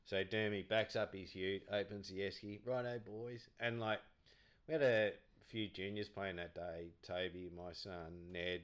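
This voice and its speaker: A man's voice: sits low, little pitch movement, unhurried, a bit bright. A middle-aged Australian man telling anecdotes in a casual chat, with a laid-back, blokey tradesman way of talking and plenty of quoted dialogue. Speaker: amateur club cricketer being interviewed.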